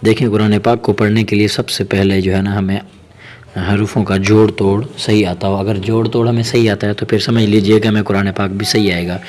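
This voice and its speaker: A man teaching Quran reading as a teacher. He explains quickly and then spells out the syllables slowly and drawn out. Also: on the low side, flat delivery, darkish tone. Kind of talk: spelling-out lesson.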